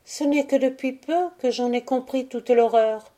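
A tender, pleading young girl, her grief held under a gentle voice, as a woman reading the story puts her on. The tone is raised and bright above the reader's own, yet stays mellow and soft. She sounds like a storybook heroine. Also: fairly high pitch, fairly even intonation, a little slow, pitched above the performer's own voice, lightly acted.

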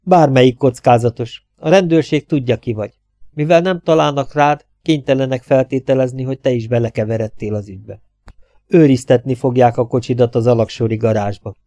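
A wary, calculating male fugitive, read by a male narrator. He lays out the dangers in a level, reasoning voice, a touch louder than the narration. The sound is mellow and dry, close to the microphone. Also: mid-range voice, no echo, natural voice.

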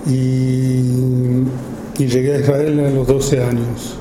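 A man in his fifties from Argentina with an Argentine Spanish accent, speaking informally to an audience about his work, slowly and with many pauses and fillers. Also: medium pitch, completely flat delivery, roomy sound, noisy background. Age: 50s. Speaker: photographer giving a talk.

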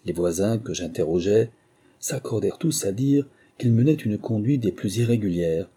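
A man with a French accent reading a memoir aloud in a measured, literary first-person style. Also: lowish voice, lively intonation, warm tone, husky. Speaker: audiobook narrator. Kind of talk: scripted first-person narration.

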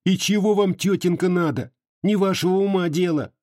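A man voicing a fiery, impatient young Cossack woman in an audiobook, pleading and snapping with a husky edge. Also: medium pitch, unhurried, a little mellow, no room sound, studio quality, pitched above the performer's own voice. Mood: snappish.

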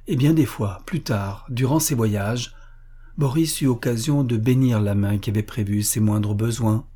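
Husky, dark-voiced male narrator. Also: mid-range voice. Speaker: audiobook narrator. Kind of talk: literary audiobook reading.

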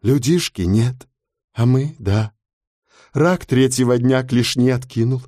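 A man's voice: medium pitch, fairly even intonation, takes it slowly, dark tone, no room sound, clean studio sound, pitched above the performer's own voice. A man voicing a gloomy, weary female Death who speaks in a glum, dragging way, in an audiobook.

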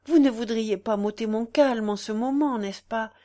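A woman reading the part of a gentle young gentleman who soothes a weeping lover before a duel, in a slow, tender manner. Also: a little high, natural voice.

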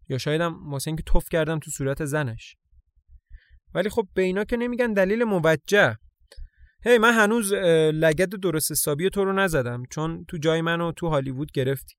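A man's voice: a little high, no echo, lightly acted. A man doing a scornful, teasing village girl. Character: blunt, mocking teenage village girl.

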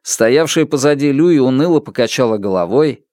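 Male narrator, audiobook reading, expressive, lively pitch, dry close sound. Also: moderate pace, dry recording. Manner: expressive storytelling.

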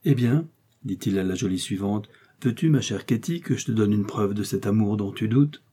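A man's voice: lowish voice, normal speed, mellow. D'Artagnan, a man playing a coaxing young gallant. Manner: smooth, coaxing.

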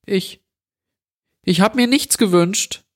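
A man's voice: high-pitched, brisk, gravelly, voice pushed up. A man voicing a frightened little boy who pleads in a trembling voice in a horror story reading. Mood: scared.

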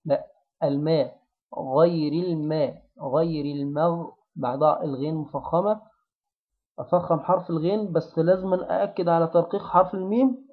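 A man with an Egyptian accent teaching the pronunciation of recitation, repeating words and syllables slowly to drill them. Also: on the high side, steady tone, phone-quality sound. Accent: Egyptian Arabic. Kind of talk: tajweed pronunciation lesson.

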